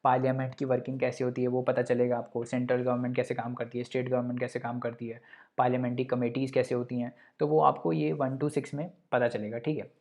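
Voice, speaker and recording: Young guy talking through study tips, pretty flat even voice, keeps saying theek hai. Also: medium pitch, fast talker. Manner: repeats "theek hai" to check in, mixes English terms into Hindi. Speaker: exam coaching presenter. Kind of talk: casual explanatory lesson.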